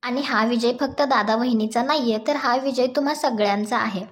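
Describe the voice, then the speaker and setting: A woman's voice: a little high, a little fast, lightly acted. A woman voicing a cheerful young brother-in-law giving a speech in a plain reading voice. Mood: rousing.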